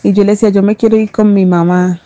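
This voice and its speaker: A woman from Medellín with a Paisa Colombian accent, recalling her childhood in an unhurried, reflective personal testimony. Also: mid-range voice, steady tone, warm tone, highs cut off. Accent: Paisa Colombian Spanish. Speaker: interviewee, daughter of a domestic worker.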